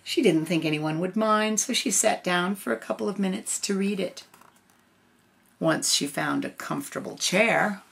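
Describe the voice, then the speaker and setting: An older woman reading a storybook aloud in a gentle grandmotherly way, adding casual asides. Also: lowish voice, moderate pace, vocal fry.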